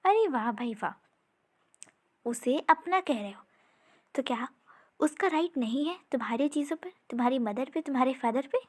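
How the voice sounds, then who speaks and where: A warm-hearted, teasing queen mother who pokes fun at her son with clear affection, as a woman reads her. Her voice rides high and light, fond rather than stern. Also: animated, normal speed, pauses often.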